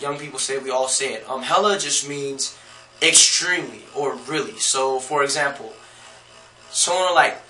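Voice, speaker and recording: A man's voice: mid-range voice, bright, forceful tone, slight background noise. A man from California with a Californian accent, talking in a casual, slangy vlog full of fillers. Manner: laid-back, slangy, many fillers. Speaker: vlogger. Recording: roomy echoey room.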